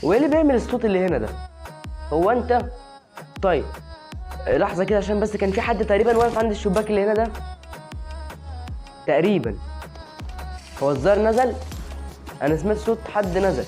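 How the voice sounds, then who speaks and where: A woman with an Egyptian Arabic accent commentates a shooter game in a rapid, excitable stream. Her voice sits at a middling pitch, and game music and gunfire run behind her. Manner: excitable, chatty, talks straight to the viewer. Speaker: gaming channel host.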